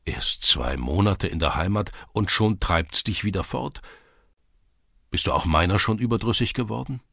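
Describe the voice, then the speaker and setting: A man playing a young Cossack singer in love, pleading and ardent. His voice is low and gravelly. The audiobook sounds close and dry. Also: animated, normal speed, sharp tone, no room sound, heavily acted. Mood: tender. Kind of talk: audiobook character reading.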